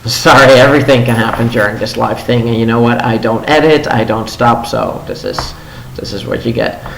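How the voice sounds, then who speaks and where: A young man whose first language is Dutch hosts a casual daily news vlog from his Los Angeles home, in a roomy recording with faint ambience and a little hiss or hum. Still a little low-voiced after a concert, he speaks with vocal fry, halting through frequent ums and restarts.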